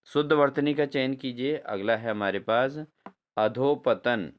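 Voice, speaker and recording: Preparing viewers for exams, a male teacher spells words slowly, one syllable at a time, and echoes every answer back as a question. He calls his audience friends, and his mid-range voice comes through on a muffled recording.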